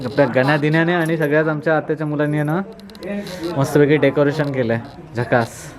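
A man's voice: a little high, quick pace, a crowd in the background. A man in his thirties from Konkan, chatting casually as he vlogs a village visit with his little daughter. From Konkan, Maharashtra. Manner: chatty, talks to his small daughter in a lively sing-song. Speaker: vlogger. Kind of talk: casual walking vlog.

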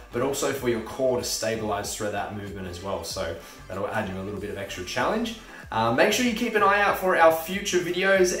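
A man's voice: medium pitch, a bit bright. A young man in his twenties, a gym instructor, giving a casual home-workout tutorial with a loose, friendly delivery and plenty of fillers. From Australia. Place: home hallway, indoors. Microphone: camera mic, close then from across the room. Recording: echoey room, distant at times, faint music.

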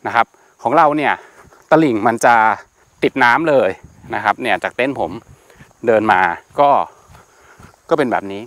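A man's voice: medium pitch, lively intonation, normal speed, long pauses, a bit bright, dry recording. A man in his thirties giving a candid, chatty walk-and-talk review of a rural campsite, often exclaiming as he looks around, recorded outdoors on a small handheld mic. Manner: chatty and candid, with frequent exclamations and mild swearing. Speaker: camping vlogger. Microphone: small handheld mic on an action camera.

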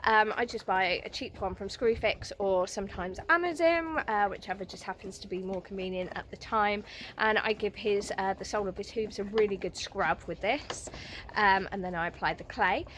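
A woman's voice: mid-range voice, moderate pace, a bit bright. Chatty woman vlogging outdoors. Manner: chatty, lots of ums and uhs. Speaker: vlog host reviewing horse products. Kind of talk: casual product review vlog. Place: outdoors at a stable yard and field. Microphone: phone at arm's length. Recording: outdoor noise behind the voice.

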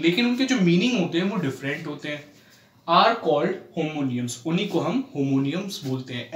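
Man teaching grammar in an echoey room. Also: fairly high pitch. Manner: addresses children, frequent "ठीक है ना" checks, slow spelled-out English examples. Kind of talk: classroom grammar lesson in Hindi-English mix.

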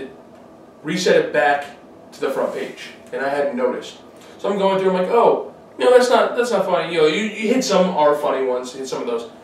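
Rambling young man in an echoey room. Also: medium pitch. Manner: rambling, restarting storyteller. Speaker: podcast co-host. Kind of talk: casual chat. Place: dining room at night, around a table. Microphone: far camera. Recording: roomy, distant, faint hiss.

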